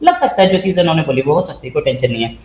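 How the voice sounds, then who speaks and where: A man's voice: a little high, very animated, racing, darkish tone, reverberant, low-quality recording. A man co-hosting a casual political talk show, speaking conversationally, reading out viewer comments and laughing often.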